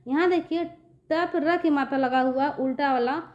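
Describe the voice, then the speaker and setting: Teaching a reading lesson to young children in an online Hindi class, a woman speaks patiently and checks often for understanding. Her high-pitched, darkish voice comes at a moderate pace over lo-fi sound.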